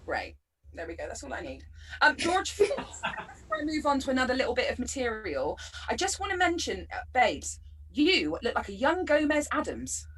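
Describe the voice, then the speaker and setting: A stand-up comedian from Bristol, England, with a West Country accent, performs a chatty, sarcastic set over a video call, breaking into bursts of laughter. Her voice is a little high, very animated, slightly bright and breathy, at a moderate pace. The mic is distant and the recording is low quality.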